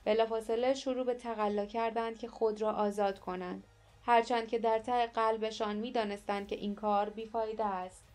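A woman narrating an audiobook in a steady, measured reading. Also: fairly high pitch, soft background music. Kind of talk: scripted narration.

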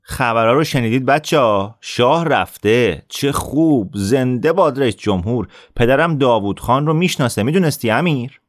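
A man's voice: mid-range voice, animated, no echo, pitched above the performer's own voice, close to an everyday voice. A man voicing a cruel, arrogant teenage boy who taunts and jeers in a raised voice. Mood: sneering. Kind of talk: audiobook character voice.

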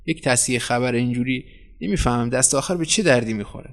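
Man playing a slick smooth-talking editor. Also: mid-range voice, natural voice. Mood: persuasive. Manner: cool, persuasive, flattering. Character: smooth, scheming middle-aged male newspaper editor.

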